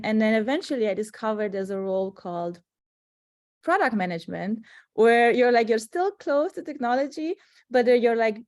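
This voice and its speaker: A woman's voice: medium pitch, a little mellow, no room sound, clean studio sound. A young adult woman from Romania, a product manager, talking casually with many fillers and frequent laughs, speaking from an office meeting room. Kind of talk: casual panel interview.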